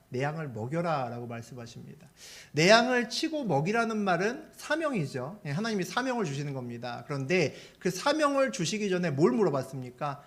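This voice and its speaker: A man preaching a sermon as pastor, telling stories with lively energy and putting questions to the congregation. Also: fairly high pitch. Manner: animated storytelling, asks the congregation questions.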